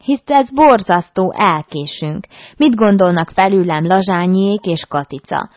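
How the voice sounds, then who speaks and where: A woman's voice: mid-range voice, lively intonation, dry recording, natural voice. A woman voicing an anxious young bridegroom who pleads fretfully. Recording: dull dry recording.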